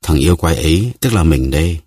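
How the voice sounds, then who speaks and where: A man's voice: expressive, fast, a little mellow, breathy edge, no echo, studio quality, exaggerated voice. A man voicing a brooding, jealous young swordsman who mutters his thoughts in an audiobook. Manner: low, muttering to himself.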